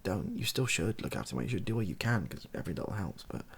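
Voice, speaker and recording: Deep-voiced and very animated, a British video host moves fast through an improvised, rambling monologue. Even so, he stays soft and breathy, often almost whispering, with a hesitant, wry, self-deprecating air.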